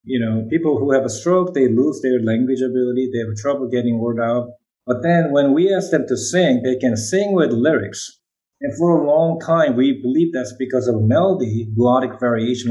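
Speaking English with a Korean accent, a man explains brain research while answering interview questions, frequently tagging on "right?" as he goes. His medium-pitched, mellow voice moves at normal speed, and the recording sounds rough.

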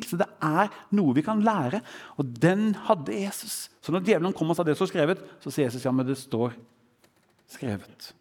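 A man's voice: high-pitched, gravelly. Man preaching in an echoing church. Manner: animated preaching, quoting scripture with rising and falling voice. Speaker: pastor. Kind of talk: sermon. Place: church hall. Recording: church hall reverb.

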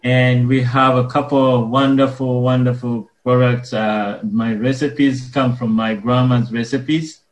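A man from Uganda, speaking earnestly and haltingly as a guest in a radio interview. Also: mid-range voice, level tone, roomy sound, poor audio. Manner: earnest, halting with frequent pauses. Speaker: guest, wellness business owner.

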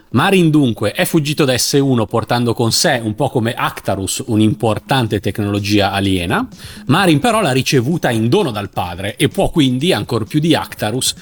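Thoughtful man in casual chat. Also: mid-range voice. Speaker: co-host.

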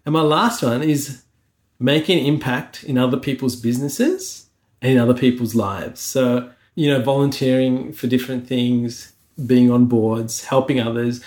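A man's voice: mid-range voice, a little mellow. A middle-aged man from Sri Lanka co-hosting a casual podcast, talking earnestly and reflectively through a list. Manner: earnest, reflective, lists things one by one. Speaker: podcast co-host.

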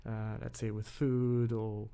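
A man's voice: on the low side, little pitch movement, slow pace, vocal fry, dark tone, clear, resonant tone. A man raised in England, a podcast guest who talks hesitantly with many fillers. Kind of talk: casual conversation.

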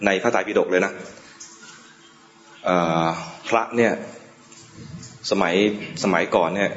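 A male Buddhist monk giving an informal Dhamma talk to laypeople, telling stories in a chatty way with frequent pauses. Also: sits low, fairly bright tone. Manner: chatty storytelling, pauses often. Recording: roomy, dull lo-fi recording.

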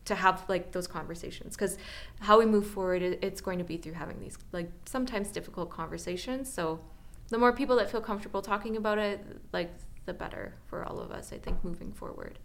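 A woman's voice: medium pitch, brisk. A woman from Northern Alberta answering interview questions casually about her solar project, with lots of fillers and restarts. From Northern Alberta, Canada. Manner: chatty, many fillers and restarts.

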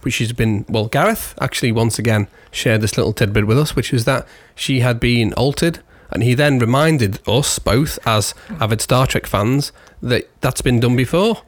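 A man co-hosting a podcast in casual chat about a TV episode, chatty and quick to joke and laugh. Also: medium pitch, dry recording. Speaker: podcast co-host.

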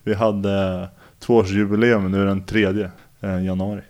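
A man in his thirties, a guest on an interview show, telling stories in relaxed, rambling conversation full of fillers and slang. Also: low voice. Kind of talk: casual conversational storytelling.

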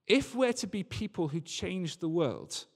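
Preaching at a slow, unhurried pace, this high-voiced pastor is intensely animated as he addresses the congregation. Repeated phrases and rhetorical questions drive his emphatic delivery, which rings out in an echoing hall.

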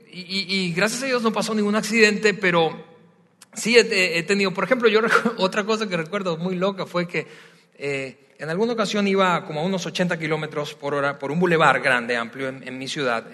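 A man from Venezuela, preaching a sermon in a relaxed, storytelling way, often pausing with hesitations. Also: high voice. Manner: warm, conversational storytelling with frequent hesitations. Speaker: pastor. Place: large church hall. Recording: long hall reverb from a large church.

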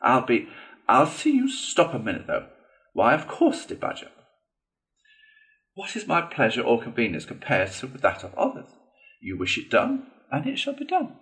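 In a storybook reading, a man puts on a vain, excitable toad gentleman who talks high above the reader's plain voice. He gushes and swings his tone all over, turning shrill when upset. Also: moderate pace, long pauses. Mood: self-pitying. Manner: gushing, theatrical, shrill in outbursts.

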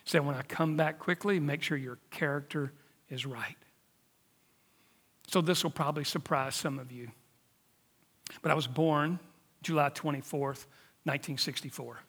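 Fifty-something preacher in a hall. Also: male voice, fairly high pitch, fairly even intonation, moderate pace, long pauses, fairly bright tone, slightly rough. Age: 50s. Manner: emphatic preaching, dropping to near-whispers for emphasis. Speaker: pastor. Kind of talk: sermon.

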